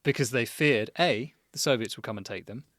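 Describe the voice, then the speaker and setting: A man co-hosting a podcast, telling a history story in an animated way and laughing often. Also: mid-range voice, a little fast, no room sound, clean studio sound. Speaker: podcast co-host. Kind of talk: casual history chat.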